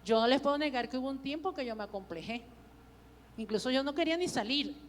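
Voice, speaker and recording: A woman's voice: high-pitched, quick pace. A middle-aged woman pastor with a Venezuelan Spanish accent, preaching a sermon full of personal testimony and acting out quoted dialogue as she tells her stories. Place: church hall. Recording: long church hall reverb.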